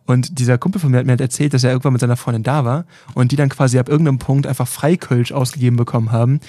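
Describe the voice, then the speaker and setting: Fast-talking man with a mellow voice. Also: mid-range voice, no echo. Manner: storytelling, hedging, relaxed. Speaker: podcast co-host. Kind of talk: casual podcast chat.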